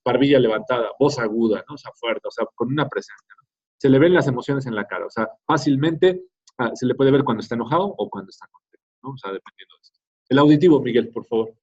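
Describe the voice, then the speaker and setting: A man's voice: mid-range voice, fast talker, a little mellow, slightly rough. A man giving a classroom lecture in a conversational way, often asking "¿no?" to check in with students. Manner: conversational, tags many phrases with "¿no?". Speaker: teacher. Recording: dull lo-fi classroom recording.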